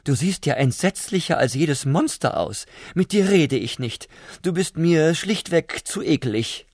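A man squealing as Lily Prawn, a shrill snooty shrimp. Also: big pitch swings, a little slow, a little mellow, no room sound, clean studio sound. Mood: disdainful. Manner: squealing, disdainful, bossy. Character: shrill snooty female prawn, panicky and rude.

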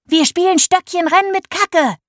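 A woman voicing an excitable, bossy older girl who shouts her lines in a high, excited voice. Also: fairly quick, no room sound, studio quality. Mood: excited shrill.

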